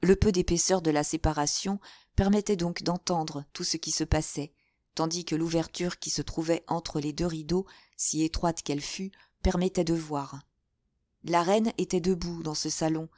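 A woman narrating a classic novel as an audiobook, with a measured, even reading. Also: lowish voice, dry recording. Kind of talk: scripted narration.

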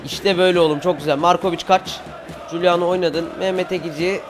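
A teenage boy from Turkey giving excited football game commentary, cheering on his players and shouting at missed chances. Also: high-pitched, quick pace, music in the background. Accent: Turkish. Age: teens. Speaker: gaming YouTuber.

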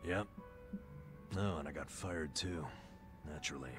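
A very deep-voiced, burned-out loser. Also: male voice, unhurried, over music. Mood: resigned, explaining. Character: weary, self-loathing burned-out middle-aged man. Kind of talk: English video game drama acting.

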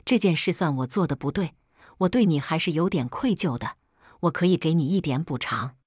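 A woman's voice: low-pitched, lively intonation, brisk, slightly rough, no echo, studio quality. A woman voicing a selfish, arrogant husband in a spoken story, with a contemptuous, bullying manner. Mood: guarded.

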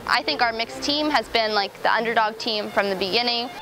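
A woman's voice: a little high, brisk, rough recording. A young woman chatting in a documentary interview about her dragon boat team, recorded outdoors at night on a lapel mic. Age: young adult. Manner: bubbly, chatty, many "like"s. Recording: music playing underneath.

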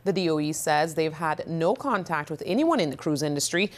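Female studio news anchor, slightly low voice, polished clean delivery. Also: lively intonation, brisk.

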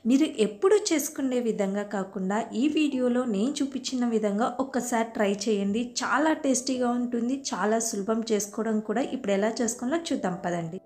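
A woman with a Telugu accent, host of a home cooking channel, narrating a recipe voice-over with steady step-by-step instructions. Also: fairly high pitch, fast, few pauses.

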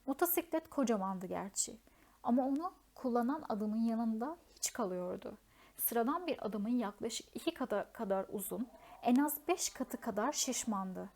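A woman's voice: a little high, expressive, normal speed, darkish tone. A woman narrating a children's fantasy novel as an audiobook, reading steadily and expressively with a few small slips. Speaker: audiobook reader.

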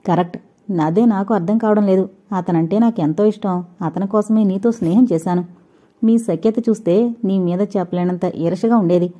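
Woman reading a novel out loud, does all the parts herself, warm dark tone, kinda muffled audio. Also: mid-range voice, normal speed. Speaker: storyteller. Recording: dull lo-fi recording.

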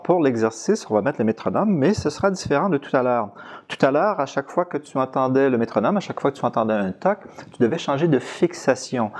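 A man's voice: medium pitch, a little mellow. A man narrates an instructional video and guides the listener through an exercise step by step. His voice sits in a middle register and he speaks straight to the viewer. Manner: step-by-step, addresses the listener directly. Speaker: course narrator.

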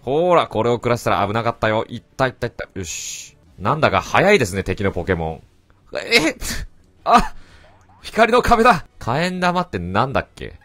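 A man giving casual, excitable commentary over his own gameplay and often shouting back at the game. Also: on the low side, quick pace, hardly any pauses, no room sound. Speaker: let's play commentator. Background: faint game music.

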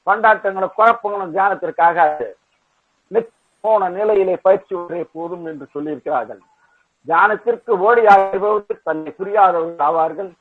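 A man gives a spiritual talk in a fairly high voice, pressing his points with rising emphasis and repeated words. He restarts words now and then as he goes. The sound is narrow and tinny, like a phone line. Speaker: spiritual speaker.

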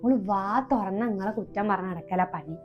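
A woman's voice: medium pitch, brisk, dull audio, soft background music, natural voice. A woman with a Malabar Malayalam accent playing a complaining, taunting grown daughter who visits her family's home, in a comedy skit. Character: spiteful grown daughter, visiting sister-in-law.

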